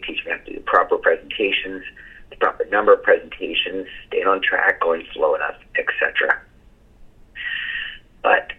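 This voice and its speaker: A hoarse man, who says he has lost his voice, speaking earnestly as a senior partner on a call, with fillers and restarts. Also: low-pitched. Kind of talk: casual motivational reply. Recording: tinny phone line.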